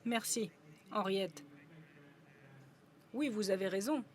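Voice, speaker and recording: A woman works as a simultaneous interpreter at a conference, speaking slowly in a mid-range voice. Her relay is steady yet dotted with brief hesitations.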